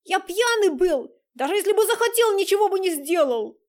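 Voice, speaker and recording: A woman's voice: medium pitch, steady tone, normal speed, a little mellow, natural voice. A woman voicing a persistent young man who keeps pressing his question, in an audiobook. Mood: shouting. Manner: insistent questioning.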